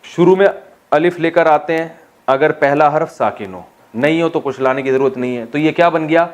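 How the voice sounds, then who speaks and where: A man from Pakistan, an Islamic scholar teaching a Quran exegesis class, who asks the class questions, answers them himself, and jokes with his students. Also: a little high. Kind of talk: classroom lecture.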